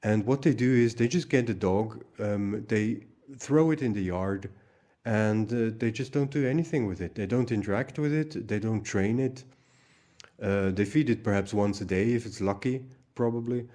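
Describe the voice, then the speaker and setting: A man's voice: fairly low pitch, normal speed, mellow. A Hungarian-born man hosting his own channel, talking in a casual, rambling monologue full of fillers and restarts. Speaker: channel host.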